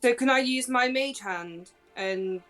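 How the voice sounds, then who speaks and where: A woman's voice: on the high side, a little slow, fairly bright tone, soft background music. A woman playing a tabletop game who keeps asking questions, sounding unsure of the rules. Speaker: player. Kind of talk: casual tabletop play.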